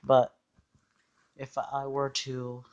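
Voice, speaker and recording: Slow-paced, hesitant man talking casually. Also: medium pitch, monotone, smooth. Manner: hesitant, halting, trailing off. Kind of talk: casual explanatory monologue.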